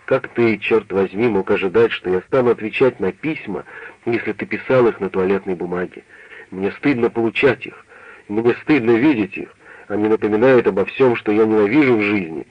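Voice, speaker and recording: Man reading as a hoarse, bitter old doctor. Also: fairly low pitch, moderate pace, dry recording, close to an everyday voice. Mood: angry. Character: older male doctor, ashamed and angry. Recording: dull, dry radio recording.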